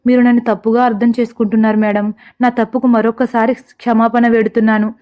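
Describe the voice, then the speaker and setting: A woman's voice: on the high side, flat delivery, fast, mellow, natural voice. Woman doing a meek polite guy, says sorry a lot, comic storybook. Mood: pleading. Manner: polite, pleading. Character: meek polite young man, apologetic.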